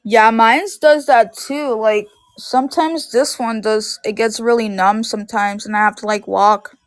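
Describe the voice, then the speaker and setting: A woman's voice: on the high side, steady tone, a little slow, no echo, clean studio sound. Rambling woman in her thirties. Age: 30s. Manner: rambling, heavy use of "like". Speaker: live-stream seller. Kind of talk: casual chat on a live stream. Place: at home in her room.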